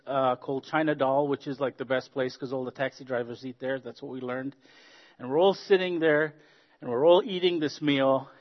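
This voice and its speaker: A man tells personal stories at a church workshop, filling pauses with ums and uhs. His voice sits at a middle pitch and rings out with a long hall echo. The recording is dull and lo-fi. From Zambia. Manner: relaxed, anecdotal, frequent ums and uhs. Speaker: workshop speaker. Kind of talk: storytelling talk at a church workshop.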